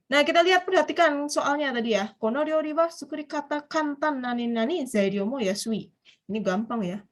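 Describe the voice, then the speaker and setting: A woman's voice: sits high, animated, brisk. A woman with an Indonesian accent teaching a Japanese grammar class online, explaining step by step and often putting questions to her students.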